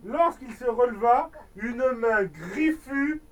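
A woman storyteller reading a children's tale with playful asides and dramatic pauses, recorded on a distant mic. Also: on the high side, expressive.

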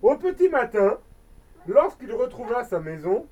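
Animated woman reading a children's story. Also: on the high side, lo-fi sound. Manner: animated, dramatic pauses. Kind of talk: playful storybook reading with jokey asides. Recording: distant mic.

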